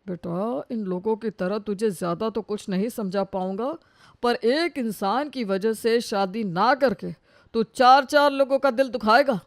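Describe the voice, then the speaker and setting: Brief: woman voicing a caring father figure, soft and patient, dry sound. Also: on the high side, measured pace, no room sound. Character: caring older father, calm persuader. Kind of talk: storybook voice acting.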